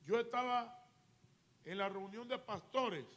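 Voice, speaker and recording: Pastor, male, very high voice, fervent sermon that builds to shouting in a church. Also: measured pace. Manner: preaching with rising, shouted intensity. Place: church sanctuary.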